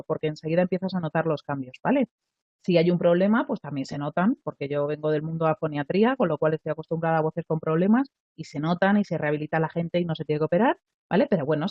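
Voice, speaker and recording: A woman's voice: fairly low pitch, no room sound. A woman coaches voice technique in a live online lesson. She explains patiently and keeps checking that her listeners follow along. The sound is dry and slightly dull, from a close mic.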